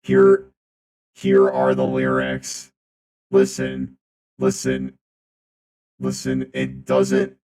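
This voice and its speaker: Using a booming, deep robot voice changer with a metallic edge, a male streamer rambles through casual chat and repeats phrases. He speaks in a monotone, very slowly, pausing often, and his tone is darkish.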